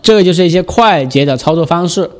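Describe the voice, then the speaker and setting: A man giving a step-by-step software tutorial, explaining and patiently repeating the key steps. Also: sits high, animated, fast.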